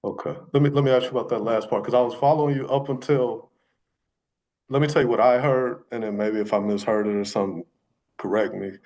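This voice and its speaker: A man questioning a witness in a courtroom, asking halting, self-correcting questions with many restarts. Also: mid-range voice, steady tone, a little mellow, low-quality recording.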